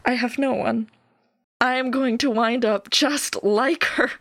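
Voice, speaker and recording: A woman playing Ivory, a raw and volatile grieving young woman who speaks in halting, stammering bursts in an audio drama. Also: a little high, steady tone, a bit bright, dry recording, clean studio sound. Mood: despairing.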